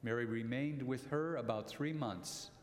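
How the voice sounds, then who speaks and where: A man, a priest, reading the Gospel at Mass with steady, formal proclamation. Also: mid-range voice, unhurried. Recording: echoey church hall, faint ambience.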